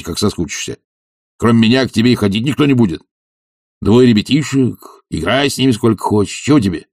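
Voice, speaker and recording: A man's voice: medium pitch, dry recording, clean studio sound. A man doing a brash, bossy sponger. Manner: loud, bossy, scolding. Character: brash pushy middle-aged male sponger. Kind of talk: audiobook character reading.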